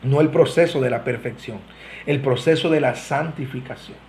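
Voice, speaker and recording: A man's voice: medium pitch, moderate pace, vocal fry, darkish tone, a little hiss or hum. A man with a Costa Rican accent preaching a sermon, earnestly addressing the congregation with swelling emphasis. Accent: Costa Rican Spanish. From Costa Rica. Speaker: pastor.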